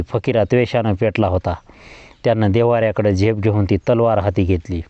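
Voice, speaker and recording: Brief: male audiobook narrator, measured literary reading, dark mellow tone, dry close sound. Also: fairly low pitch, no echo. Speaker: storyteller. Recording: dull lo-fi dry recording.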